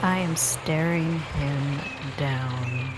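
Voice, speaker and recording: Slow-talking woman playing a tabletop game. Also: low-pitched, very noisy. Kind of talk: tabletop game role-play.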